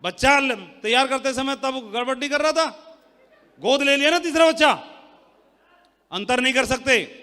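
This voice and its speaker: A man giving a motivational sales talk on a handheld mic to a live audience, loud and teasing, quizzing the crowd. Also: very high-pitched, moderate pace, long pauses, long reverb tail. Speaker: seminar speaker. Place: large hall with an audience.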